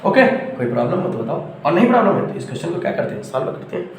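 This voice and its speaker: A man's voice: a little high, big pitch swings, rapid-fire. A man teaching a school math lesson, speaking fondly to the children and acting out their replies. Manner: affectionate, playacts students' replies. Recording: very echoey room, faint background noise.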